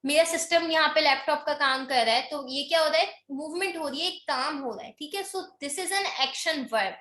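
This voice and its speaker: A woman teacher with a high, bright voice gives an online English grammar lesson. She explains in Hindi mixed with English, slows down for the definitions and keeps checking in with a quick "okay?". The room sounds echoey.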